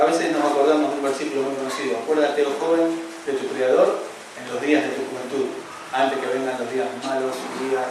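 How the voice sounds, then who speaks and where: A man preaching a sermon as pastor, quoting scripture slowly and emphatically and rising to loud, fervent passages. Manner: builds to loud, high-pitched fervent preaching; quotes scripture with slow, emphatic delivery. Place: church. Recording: echoey church hall, distant mic, noisy.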